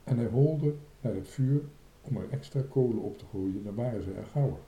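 A man reading a children's book aloud in an expressive, dramatic way. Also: lowish voice, normal speed, reverberant. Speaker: storyteller.

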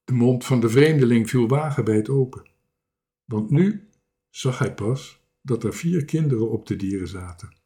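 Male narrator reading a children's story, slow, mid-pitched. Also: expressive, dark tone.

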